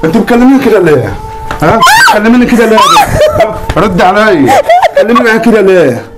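A man's voice: high-pitched, wildly swooping pitch, fast. A man voicing a drunk, bullying husband in a cartoon, with an Egyptian accent and a slurred, threatening, taunting way of talking. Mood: drunk menacing. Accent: Egyptian Arabic. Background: background music.

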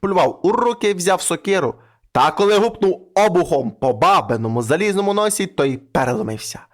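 Ukrainian male storyteller, somewhat high voice, lively folk-tale reading with voiced characters. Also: fairly quick. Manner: acts out characters with shifting pitch. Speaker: narrator.

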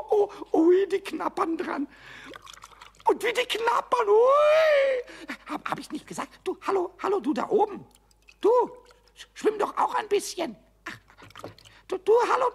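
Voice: very high voice, gravelly, full character voice. A performer voicing a mischievous little male kobold in a radio play, stammering, giggling and chattering.

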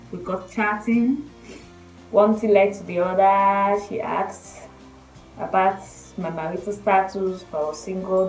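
A young Nigerian-accented woman telling a personal story casually to camera, with R's she doesn't pronounce clearly. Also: medium pitch, darkish tone. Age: young adult. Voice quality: cannot pronounce R's well. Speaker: vlogger. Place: small bedroom indoors. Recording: roomy echo, faint music behind. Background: faint music.

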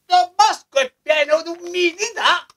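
A woman's voice: very high voice, unhurried, fairly bright tone, soft background music, heavily acted. A woman voicing a grumbling, complaining picnicker puppet with a colloquial central Italian accent in a children's show.

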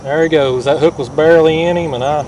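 A young man, talking excitedly and laughing often while he fishes from a kayak on a river, recorded on a mounted action camera. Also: a little high, fast talker, background noise. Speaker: fishing vlogger. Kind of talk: casual outdoor fishing commentary.

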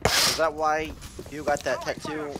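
A man's voice: a little high, level tone, moderate pace, crowd noise. A young man bantering casually with friends while streaming a video game. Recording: clear background noise, clicks.

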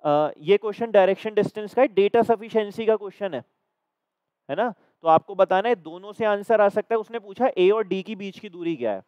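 A reasoning teacher with a Hindi accent walks a class through exam questions step by step. His voice is high and smooth, and he talks a little fast. The recording is dry and slightly dull.

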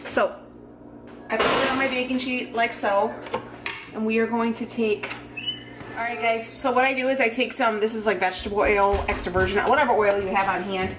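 Here a US vlogger speaks in a slightly high, steady voice at a moderate pace while cooking at home. Her chatter is casual, full of filler words and self-deprecating humor, recorded by a camera mic moving about an echoey kitchen with background noise.

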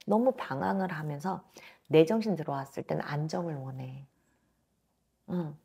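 A woman fortune teller in her thirties reads a client's fate in a blunt, emphatic way. Her voice sits fairly low and carries a gravelly, husky edge. She talks into a lapel mic in a small indoor office. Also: normal speed, warm tone. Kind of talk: fortune-telling consultation.

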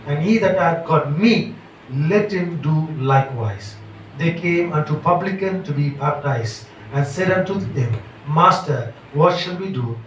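Slow echoey Bible-reading man. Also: a little high. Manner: slow careful reading, stumbling over names. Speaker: scripture reader. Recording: echoey church hall, far from mic, faint noise.

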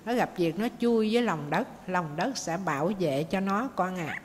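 Lady doing a patient mama snail, gentle, light hiss in the room. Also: lowish voice, animated, moderate pace, lightly acted. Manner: gentle, reassuring, firm. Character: patient wise mother snail. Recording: faint noise, long hall reverb.

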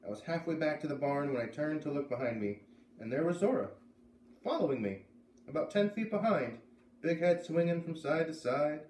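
A man in his thirties, his voice a little high and darkish in tone, reads a children's novel aloud in a living room, animated and at a moderate pace, dropping in casual asides. A camera a few metres away picks him up, so the room echoes around him over faint background noise.

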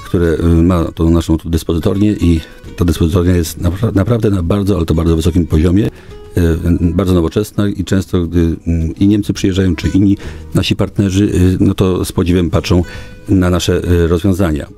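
Speaking with fairly even intonation, a middle-aged local government official with a very deep, dark voice gives formal answers as a radio guest. In the small studio, on a boom microphone, he halts frequently, stretching out his hesitations, while faint music plays behind him.

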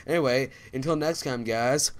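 A man casually commentating a video game with a friend, excitable, shouting when things go well and mumbling when calm. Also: medium pitch, normal speed, heavy background noise. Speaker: channel host playing a video game.

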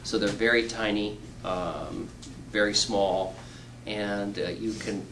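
A man's voice: fairly low pitch, steady tone, takes it slowly, noisy background. A middle-aged man, a surgeon, patiently explaining an operation to patients in plain words with homely examples. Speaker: weight-loss surgeon. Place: indoor room.

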